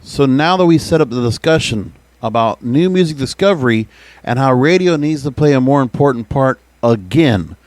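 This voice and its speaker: A man's voice: mid-range voice, expressive, moderate pace, dry recording. An American man hosting a podcast, giving emphatic, opinionated commentary and often putting rhetorical questions to the listener. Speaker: podcast host. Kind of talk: opinionated music radio commentary.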